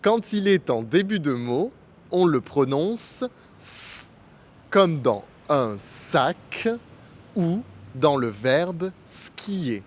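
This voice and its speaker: A man teaching pronunciation in a slow, scripted lesson, articulating each sound with care. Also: a little high, expressive. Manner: careful, deliberate articulation. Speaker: French teacher.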